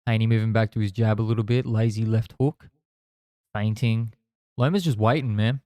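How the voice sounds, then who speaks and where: A man's voice: on the low side, steady tone, normal speed, dark tone, dry recording. A man chatting casually and bluntly through live fight commentary, swearing now and then. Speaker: boxing watch-along podcast host.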